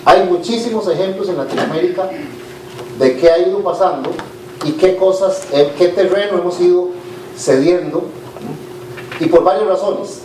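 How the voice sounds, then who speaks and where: A middle-aged Costa Rican businessman talks to a conference audience in an informal, candid way, often pausing on "eh". His voice sits a little high and reaches the mic from a distance. The hall rings with echo and there is a faint hiss behind him. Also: dark tone. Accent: Costa Rican Spanish. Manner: informal and candid, frequent "eh" fillers and restarts. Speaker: business leader giving a conference talk. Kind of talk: conversational speech to an audience.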